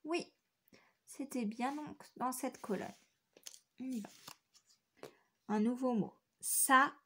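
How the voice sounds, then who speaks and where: A woman teacher giving a phonics lesson to young children, speaking clearly and repeating each word syllable by syllable. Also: fairly high pitch, takes it slowly, a little mellow. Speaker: schoolteacher.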